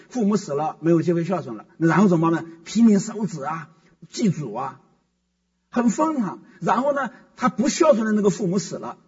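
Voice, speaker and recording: A man's voice: high-pitched, a little mellow, slightly rough. A man preaching a sermon as pastor, emphatic and fond of rhetorical questions. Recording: muffled, echoey hall from far off.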